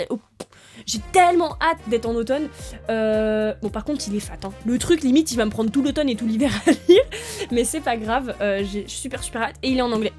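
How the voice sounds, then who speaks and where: A young woman in a casual, chatty book vlog, talking excitedly to her viewers with plenty of fillers and restarts. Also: fairly high pitch. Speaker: book vlogger. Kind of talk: casual chat to camera.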